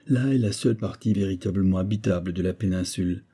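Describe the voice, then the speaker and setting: A boisterous, hunting-mad army captain from an audiobook novel, as a man reads him out. He bursts out his lines, higher and louder than the narration. The voice stays dark and husky underneath. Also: quick pace. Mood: exuberant.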